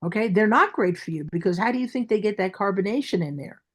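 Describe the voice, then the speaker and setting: A woman with a Brooklyn accent talks as an interview guest. She speaks emphatically, often repeating words to drive her point home. Her voice sits at an average pitch for a woman. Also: animated, fast. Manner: emphatic, repeats herself for stress. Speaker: dentist guest.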